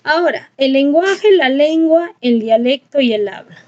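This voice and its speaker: High-voiced woman teaching a lesson. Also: lively intonation, measured pace, a little mellow, highs cut off. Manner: explanatory, asks and answers her own questions. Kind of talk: recorded class lesson.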